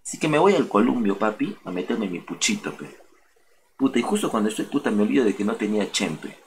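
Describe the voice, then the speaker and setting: Young Peruvian man, low-pitched, slangy streamer telling a story, light background noise. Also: big pitch swings, a little fast, a little mellow. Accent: Peruvian Spanish. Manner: slangy, swearing, colorful street talk.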